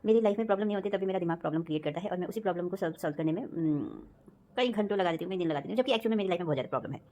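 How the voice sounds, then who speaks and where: A woman's voice: fairly low pitch, very fast, warm tone. A woman venting in a rambling casual monologue, repeating herself and correcting her words as she goes. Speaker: vlogger.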